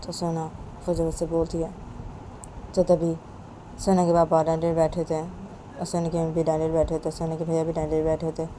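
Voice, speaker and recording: A woman's voice: low-pitched, monotone, noisy background. A woman narrating a homemade romance story in a plain, repetitive way. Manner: repetitive, plain, slow retelling.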